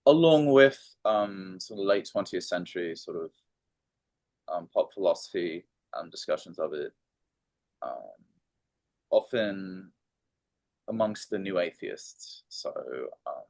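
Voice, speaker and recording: Halting, low-voiced man talking philosophy. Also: lively intonation, darkish tone, no room sound. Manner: hesitant, many ums and restarts. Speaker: podcast co-host. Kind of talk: casual philosophical discussion.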